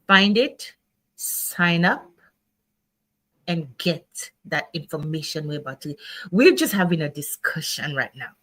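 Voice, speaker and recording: A woman hosting a live-streamed roundtable, urging listeners slowly and insistently. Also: low voice, expressive, sharp tone, rough recording. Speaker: host, workshop organizer. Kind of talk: roundtable discussion.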